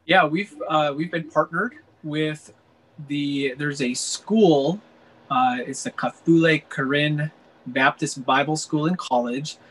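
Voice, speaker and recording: A man from Wisconsin answering interview questions about his mission, earnest and steady with frequent "uh" fillers. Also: on the high side, slow pace, low-quality recording. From Wisconsin, USA. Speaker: missionary guest.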